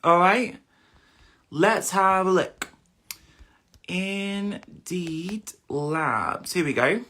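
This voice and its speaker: A woman from the UK hosting a casual live stream from her dressing room, chatty and laughing while sorting out tech, with a hoarse voice. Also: fairly low pitch, extremely slow, a bit bright, low-quality recording. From United Kingdom. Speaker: podcast host.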